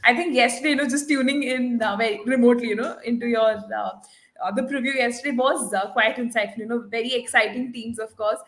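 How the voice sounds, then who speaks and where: Indian woman chatting about cricket, highish voice, echoey room. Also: steady tone, quick pace, a bit bright. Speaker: cricket panelist. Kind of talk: casual sports chat. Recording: roomy echo.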